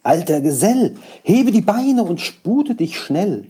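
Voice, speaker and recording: A man doing a booming alien captain. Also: very animated, slow, dark tone, breathy edge, exaggerated voice. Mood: hearty calling. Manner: hearty rhyming call in a raised voice. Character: booming male alien spaceship captain calling out. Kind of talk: recited Christmas poem.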